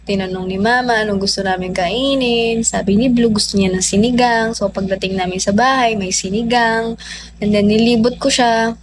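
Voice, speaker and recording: Young woman, livestreamer, animated casual storytelling, phone mic, lots of fillers. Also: a little high, moderate pace, noisy background.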